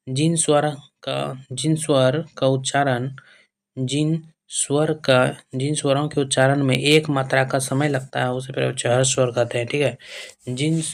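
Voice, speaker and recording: A male teacher giving a board-exam grammar lesson. He repeats himself, calls his students dear children, asks questions and answers them himself. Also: mid-range voice. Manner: repetitive, keeps addressing students fondly and checking with "okay".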